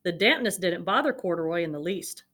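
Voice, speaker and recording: A woman narrating a children's picture book aloud in an expressive storytelling manner. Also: on the low side, brisk. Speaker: storybook reader.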